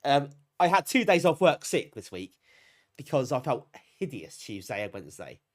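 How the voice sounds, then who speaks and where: A medium-pitched, very animated British man talks at a moderate pace, his nose bunged up as he recovers from a cold. Hosting a retro gaming live stream, he's casual and self-deprecating with viewers and appreciates them.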